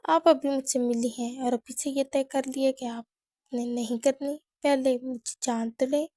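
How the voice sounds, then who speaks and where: A playful, persistent young suitor, voiced by a woman narrator teases with easy confidence. The voice is mellow and fairly flat, recorded close and dry. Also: sits high, unhurried, no echo. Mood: teasing. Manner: teasing, self-assured. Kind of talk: audiobook character reading.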